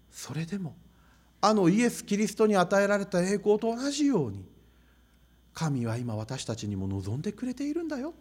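High-pitched, animated male pastor. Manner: emphatic, repeating phrases for stress. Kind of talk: sermon.

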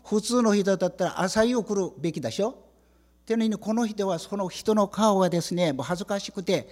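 A man from South Korea, Korean his first language, preaching a sermon with animated storytelling, acting out the dialogue and asking the congregation questions. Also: sits high, long reverb tail. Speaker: pastor.

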